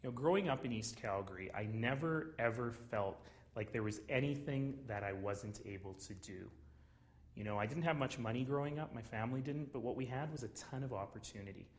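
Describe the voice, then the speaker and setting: A man's voice: medium pitch, fairly quick. A Canadian man in his forties telling personal stories to camera in an earnest, storytelling way, recorded in a small office. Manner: earnest, storytelling, warm chuckles. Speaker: city mayor.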